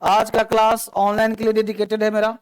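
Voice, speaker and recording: A male teacher, giving a classroom grammar lesson and explaining slowly while he drills his students through repeated examples. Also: sits high, monotone, clean tone, no echo, low-quality recording.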